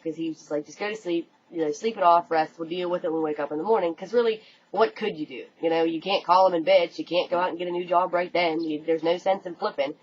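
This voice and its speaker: A young American woman telling a story to her webcam in an animated, casual way, swearing freely. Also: on the low side, husky. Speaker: vlogger. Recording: dull lo-fi webcam audio, faint room noise.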